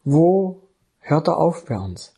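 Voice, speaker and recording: Husky, emphatic male preacher. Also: on the high side, sing-song, slow, warm tone. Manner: emphatic, keeps checking in with the audience. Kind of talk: sermon.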